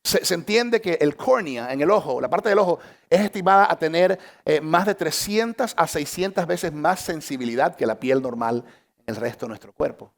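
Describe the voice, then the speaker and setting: A man preaching a sermon in an animated, chatty way, often repeating phrases to drive his points home. His voice sits a little high for a man and has a gravelly edge. He swings between bursts of energy and quiet, slow emphasis. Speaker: pastor. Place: church stage.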